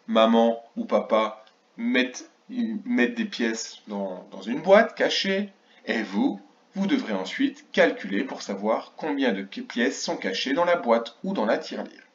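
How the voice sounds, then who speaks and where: Over a dull, lo-fi connection, a male teacher leads little kids through a remote lesson, counting out loud and breaking words into syllables with care. He speaks expressively in a mid-range voice at normal speed.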